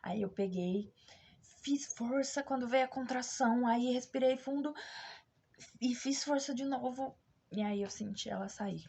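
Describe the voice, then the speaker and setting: A woman's voice: a little high, measured pace, vocal fry, warm tone, breathy edge. A young woman with a Brazilian Portuguese accent, candidly telling a personal story to her vlog audience and acting out the people she quotes. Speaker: vlogger. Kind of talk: casual storytelling to camera. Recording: dull lo-fi recording.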